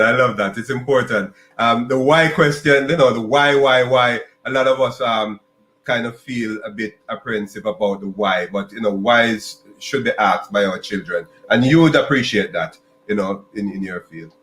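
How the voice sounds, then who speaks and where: Male host, mid pitch, stumbling phrasing, roomy recording. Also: fairly bright tone. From Jamaica. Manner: halting, many restarts and repeated words. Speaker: podcast host. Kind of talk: podcast interview.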